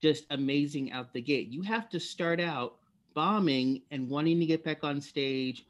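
Encouraging conversational podcast host. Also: mid-range voice. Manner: encouraging, conversational, quick affirmations. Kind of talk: casual interview chat.

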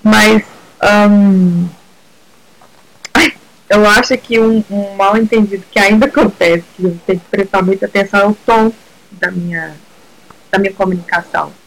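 A woman's voice: medium pitch, moderate pace, creaky, pauses often, rough recording. A middle-aged woman from Brazil, a guest in a casual interview, talking hesitantly with many restarts and mixing in English words.

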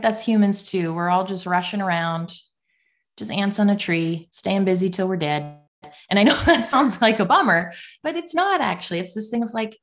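A woman guest telling stories in a casual interview, animated and self-mocking, laughing often as she talks. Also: mid-range voice. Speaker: podcast guest.

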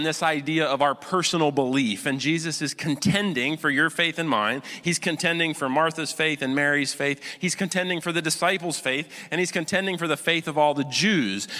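A male preacher delivering a sermon, moving between loud emphatic stretches and quiet prayerful ones. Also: fairly high pitch. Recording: long hall reverb.

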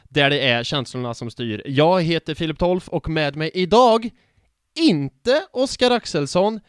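A young man hosting a casual fan podcast, playful and excitable, often joking about himself. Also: fairly high pitch, clean tone, no room sound, studio quality. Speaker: podcast host. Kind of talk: casual chat.

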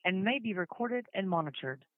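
An automated announcement plays over a prison phone line in a flat, recorded delivery. The line is thin and tinny, and the voice sits completely dry. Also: mid-range voice, moderate pace, no echo. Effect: automated prison phone call announcement.

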